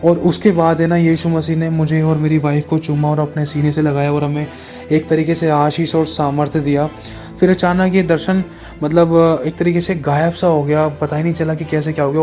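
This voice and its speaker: A man's voice: a little high, dark tone. A male pastor giving an emotional testimony sermon, repeating pleading phrases.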